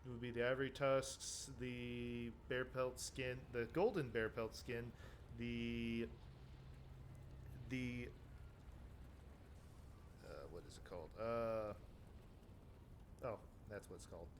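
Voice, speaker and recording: A man narrating as game master, casual and halting, often searching for words. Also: mid-range voice, fairly even intonation, noisy background.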